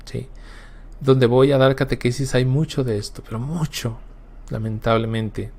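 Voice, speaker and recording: A man gives a Bible class lecture in a gravelly, creaky voice at an ordinary middle pitch. He teaches with emphasis, repeats key words for stress and often checks in with a quick question to his listeners. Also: fairly even intonation, a little mellow.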